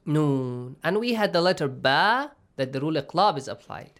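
Teacher running a recitation lesson: smooth, clean voice, steady pitch, slow drawn-out demonstrations, frequent check-ins. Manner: checks in often with "okay?" and "right?". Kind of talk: tajweed lesson to students.

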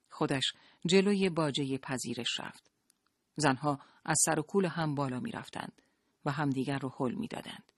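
Steady audiobook narrator, dry close sound. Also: medium pitch, no room sound.

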